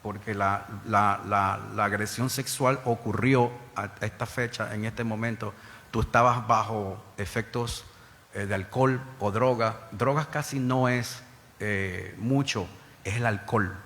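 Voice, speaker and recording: A man's voice: on the low side, fairly even intonation, unhurried, a bit bright. A middle-aged man from the Bronx, a former federal agent, giving earnest public testimony to a panel with many repeated starts. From New York, Bronx. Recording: hall reverb with faint ambience.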